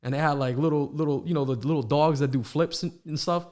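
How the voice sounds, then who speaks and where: Male podcast host, born in Morocco, raised in the States. Relaxed, friendly, chatty. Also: fairly high pitch. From born in Morocco, raised in the United States. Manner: relaxed, friendly, quick affirmations and "bro". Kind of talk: casual podcast conversation.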